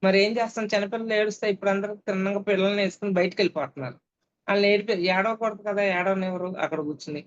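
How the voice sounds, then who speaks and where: A middle-aged woman, a meditation teacher, telling a personal story in a reflective way with frequent pauses. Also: lowish voice. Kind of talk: personal testimony talk. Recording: dull lo-fi recording with faint hiss.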